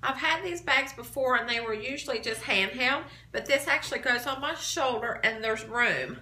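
Chatty woman with a cold, bright voice. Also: fairly high pitch, normal speed. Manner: chatty, detailed, upbeat. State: has a cold, coughing. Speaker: vlogger. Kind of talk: casual handbag haul show-and-tell. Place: small room at home, indoors. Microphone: phone camera at arm's length. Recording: echoey home room.

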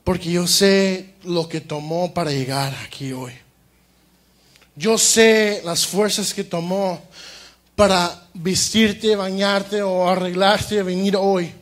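A man preaching a sermon in church with passion, going from loud outbursts to hushed appeals. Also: high voice, steady tone, slow pace.

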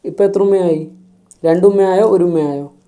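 A man's voice: high voice, brisk, warm tone. Coaxing man in sing-song baby talk. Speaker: vlogger playing with a toddler.

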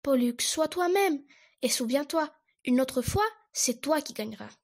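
Woman reading as a gentle mother beaver, reassuring, soft, high voice, children's story. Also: animated, measured pace. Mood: soothing. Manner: soothing and reassuring.

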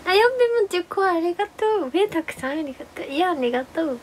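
A hoarse young woman chatting casually on a live stream, bubbly and playful as she thanks viewers for gifts. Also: extremely high pitch, expressive, slight background noise, poor audio. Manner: playful exclamations and cute drawn-out reactions. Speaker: live streamer, former idol.

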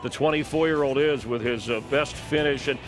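A man's voice: mid-range voice, fairly quick, over music. A man, a TV race announcer, handing off and reading driver comments on air. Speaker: play-by-play announcer. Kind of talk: broadcast commentary.

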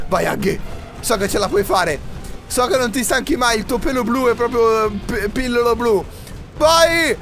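Uomo acuto ed esuberante che commenta un gioco. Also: male voice, very high voice, normal speed. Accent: Italian. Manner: excitable, teasing, breaks into sing-song and shouts. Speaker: gaming YouTuber. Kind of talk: playful game commentary. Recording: music playing behind.

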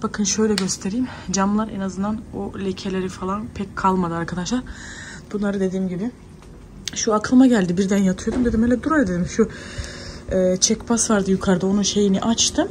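Cleaning the house and shouting after her children, a vlogger and mother in her thirties chats with viewers in a Turkish accent. She has a steady, mid-range voice, talks a little fast, and there's noise in the background.

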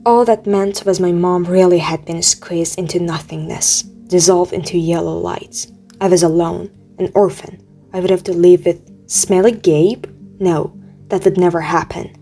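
A woman reading an audiobook aloud in a steady, measured storytelling manner. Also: on the low side. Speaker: audiobook reader. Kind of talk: audiobook narration. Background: faint music.

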